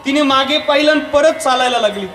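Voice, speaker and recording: High-voiced man preaching a kirtan. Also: fast talker. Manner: storytelling, quizzing the audience. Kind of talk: devotional kirtan sermon. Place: live religious gathering. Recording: echoey hall with music behind.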